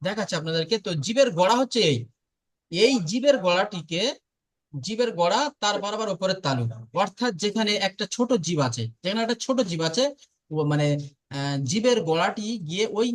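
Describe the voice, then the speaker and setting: A man's voice: sits high, expressive, brisk. A man patiently teaching Arabic letter sounds in an online lesson, repeating and drilling each sound aloud.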